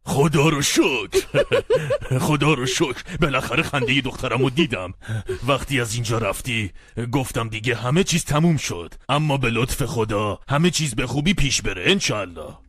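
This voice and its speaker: An actor playing a gentle middle-aged father who chuckles as he welcomes his daughter home in a dubbed TV drama. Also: medium pitch, animated, no room sound, clean studio sound.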